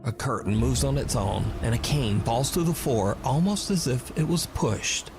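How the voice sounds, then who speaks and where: A man giving a measured, dramatic scripted narration of eerie events. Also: mid-range voice, animated, noisy background. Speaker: show narrator. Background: background music.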